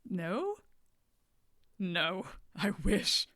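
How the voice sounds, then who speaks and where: A woman voicing a curious, gentle female alien tourist in a tabletop role-play, speaking in earnest, halting bursts. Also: medium pitch, big pitch swings, no room sound, studio quality, full character voice. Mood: flustered.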